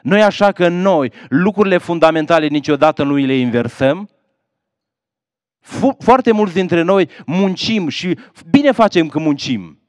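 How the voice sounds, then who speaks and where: A man's voice: animated, darkish tone, dry recording, studio quality. A man with a Moldovan Romanian accent preaching an evangelistic sermon, telling a sad story dramatically and then pressing listeners with rhetorical questions. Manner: dramatic storytelling, dropping low for sad parts and rising for quoted voices. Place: village house of culture.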